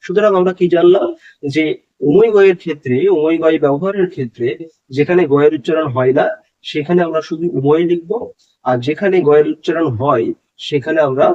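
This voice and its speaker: A man giving a spelling lesson, explaining patiently and repeating words, with pauses and hesitations. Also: on the high side. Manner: slow, repetitive explanation with hesitations. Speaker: teacher. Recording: dull lo-fi recording.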